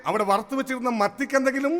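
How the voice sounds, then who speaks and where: An actor playing a vain, bumbling king in a stage comedy skit, theatrical and quick to scold. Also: extremely high pitch, fairly bright tone, big-room sound. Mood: pompous. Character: bumbling vain male king, easily flustered.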